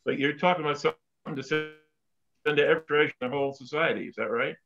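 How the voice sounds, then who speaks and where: A man presenting at an online meeting, talking in halting restarts over a crackling connection that keeps cutting out. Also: on the high side, over music. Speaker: presenter on treasurer duties. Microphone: video call from away from home. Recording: dull lo-fi call audio that cuts out.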